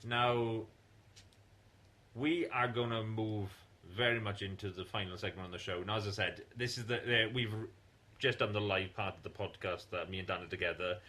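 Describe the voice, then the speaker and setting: A man's voice: on the low side, fairly even intonation, pushed and bright. A man co-hosting a podcast in casual chat, blunt and sweary. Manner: blunt, swears freely, quick bursts of laughter. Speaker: podcast co-host.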